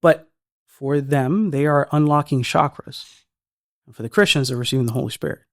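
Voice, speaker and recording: A filmmaker guest on a casual podcast speaks earnestly in an ordinary-pitched voice at normal speed, relaxed and conversational. He often stumbles and repeats words while working out his thoughts. The sound is close and dry, with no echo or room sound.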